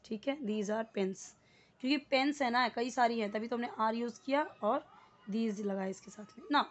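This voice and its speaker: A young woman teaching a casual English lesson, explaining patiently and repeating each word. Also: on the high side. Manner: explains slowly, mixing Hindi and English, repeating words.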